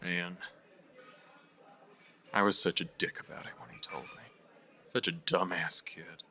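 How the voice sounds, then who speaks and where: A guilty young man in an audio drama; low, bright voice, soft and halting, drops to near-whispers. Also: fairly even intonation, exaggerated voice. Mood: wistful. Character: guilt-ridden young man, former friend. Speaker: [name].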